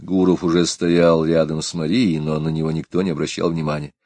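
A man narrating an audiobook in an expressive reading style. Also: a bass voice, a little fast, dry recording. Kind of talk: scripted narration.

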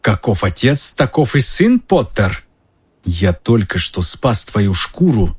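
A man with a husky voice reading aloud and voicing a cold, venomous male schoolmaster who hisses and sneers. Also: on the low side, sing-song, slow pace, exaggerated voice. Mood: shouting rage. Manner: hissing, sneering, bursts into shouting.

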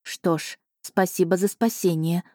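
A woman's voice: on the low side, fairly even intonation, unhurried, mellow, dry recording, clean studio sound. A woman reading an audiobook voices a young heroine, skeptical and wry in her questions. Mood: wary. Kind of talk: audiobook character voicing.

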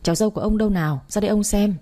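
A woman's voice: medium pitch, rapid-fire, mellow, lightly acted. Woman doing a fussy old grandpa, impatient. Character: impatient elderly grandfather, eager host.

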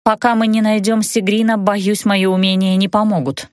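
A woman voicing a cautious, quietly sly young widow in an audiobook, speaking carefully. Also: mid-range voice, flat delivery, moderate pace, dry recording, clean studio sound, lightly acted. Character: cautious, wry young widow in a dark cave. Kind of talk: audiobook narration.

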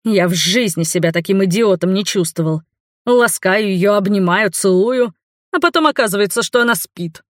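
A woman's voice: mid-range voice, animated, normal speed, dry recording, clean studio sound, close to an everyday voice. A woman reading the part of an irritated, sarcastic young fiancé in an audiobook. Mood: indignant. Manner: mocking, sarcastic. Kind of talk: audiobook character voice.

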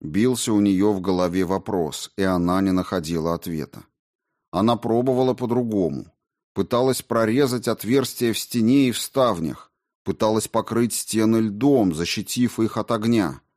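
Male audiobook narrator, steady delivery. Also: lowish voice, normal speed. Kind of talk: scripted narration.

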